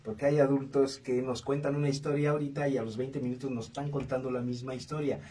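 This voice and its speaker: A man, a radio show host who drops short dry jokes and explains calmly. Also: medium pitch, fast talker. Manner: brief interjections and dry jokes, then calm explaining. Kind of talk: casual radio talk. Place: radio studio. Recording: distant mic.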